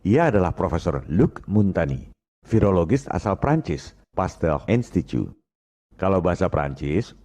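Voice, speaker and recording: A man's voice: deep voice, mellow. A man narrating scripted voice-over commentary in an assertive way, asking rhetorical questions.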